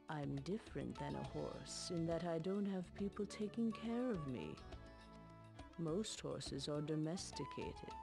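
A woman voicing a friendly talking zebra in an educational game, explaining plainly to children. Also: low voice.

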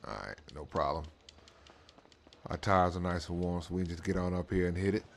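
Streaming a drag racing game, a man with a low voice keeps up casual, slangy commentary, talking mostly to himself. His tone is steady and his pace a little fast, with loud game engine and car noise behind him.

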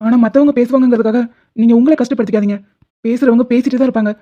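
A protective young husband, voiced by a woman, fires off fast, scolding outbursts in an animated love drama. The voice sits a little high. The audio is dull and lo-fi. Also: close to an everyday voice.

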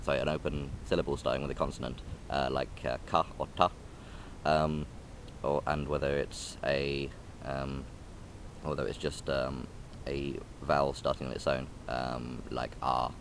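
A very deep-voiced young adult vlogger rambles casually in a park by a railway line, speaking a little slowly in a level tone. Slight background noise is present, and the phone or camera is held close. He hesitates often, with many ums and restarts.

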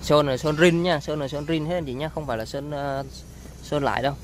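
A man giving an informal, halting sales walkaround of a used car, often repeating himself. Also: a little high, steady tone. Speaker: used-car seller presenting a car. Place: outdoors on a street beside a car. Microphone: handheld camera, speaker behind it. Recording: outdoor ambient noise.

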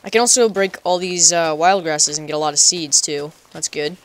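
A gaming channel host gives casual, chatty let's play commentary in a slightly high, somewhat bright voice at normal speed. He playfully talks to himself and invents goofy nicknames for the animals.

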